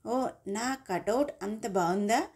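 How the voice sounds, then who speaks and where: A woman's voice: medium pitch, slow pace, a little mellow. Woman voicing a teasing cheeky young man. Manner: teasing, mock-polite.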